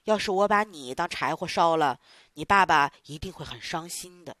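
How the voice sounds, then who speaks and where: A woman voicing a scary, gruff, bearded male theatre boss in a storybook reading, talking lower and commanding. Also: animated, moderate pace, fairly bright tone, dry recording, clean studio sound. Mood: softened.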